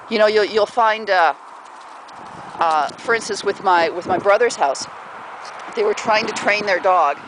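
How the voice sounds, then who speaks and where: A pet owner at home gives casual puppy training advice, rambling with lots of fillers and frequently stopping to talk to the pets. The voice is medium in pitch with a fairly bright tone, and the home recording is noisy.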